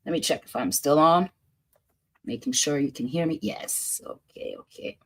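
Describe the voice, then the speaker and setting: Low-pitched and lively in her intonation, this host talks at a normal speed with a French accent. She banters playfully over news clips on a casual commentary show, laughing and thinking out loud.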